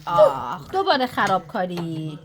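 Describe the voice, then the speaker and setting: A woman's voice: mid-range voice, huge pitch swings, crowd noise. An older woman cooking pancakes with her granddaughter in a home kitchen, chatting and coaxing her in a doting way. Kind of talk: casual cooking vlog.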